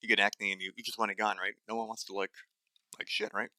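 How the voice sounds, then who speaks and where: This solo monologue comes from a young man who runs a nutrition podcast, swearing often and sounding blunt and angry in a dry voice full of fillers and restarts. He speaks fast and low with little pitch movement and a sharp tone, on a dry, poor-quality recording.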